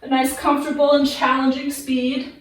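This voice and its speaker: A woman's voice: high voice, completely flat delivery, moderate pace. A woman leading a workout class in fitness influencer style, giving instructional, encouraging cues and counts. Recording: echoey room, distant microphone.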